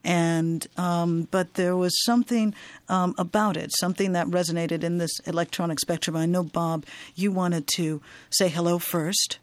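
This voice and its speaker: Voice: medium pitch, fairly even intonation, moderate pace, dry recording. A radio host talking in an informal, free-form way, hesitant and often digressing. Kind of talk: free-form, rambling late-night radio talk.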